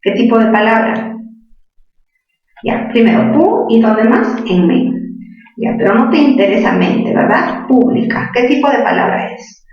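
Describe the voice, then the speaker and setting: Slow-spoken woman teacher in an echoey room. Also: on the high side, expressive. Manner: patient, asks questions and answers them herself. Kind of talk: spelling lesson to students. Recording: distant echoey classroom, dull sound.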